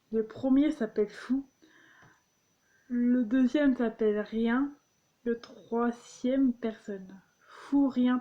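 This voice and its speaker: Giggly young woman reading jokes, slow. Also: fairly high pitch, darkish tone, dull audio. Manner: giggly, stumbling, explaining jokes. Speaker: vlogger.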